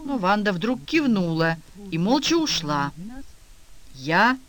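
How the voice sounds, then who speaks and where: A man reading a comic detective audiobook, lively and expressive. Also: sits high, slow. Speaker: audiobook reader. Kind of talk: scripted narration.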